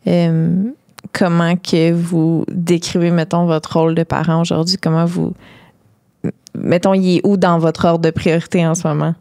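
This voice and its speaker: Gravelly, flat-voiced Québécois woman host. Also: lowish voice, moderate pace, dry recording, studio quality. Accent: Québécois French. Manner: relaxed, teasing, asks questions. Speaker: podcast host. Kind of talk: casual podcast interview.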